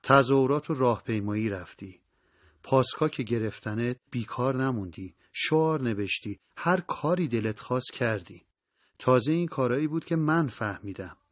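A man doing a gentle, worried father. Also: medium pitch, dry recording, studio quality, natural voice. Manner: affectionate, pleading, fatherly. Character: middle-aged father, gentle but worried.

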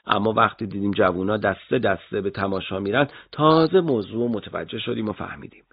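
A man's voice: on the low side, vocal fry, breathy edge, no room sound, lo-fi sound. A man voicing a frightened young male detainee who pleads and stammers out denials. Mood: confessing.

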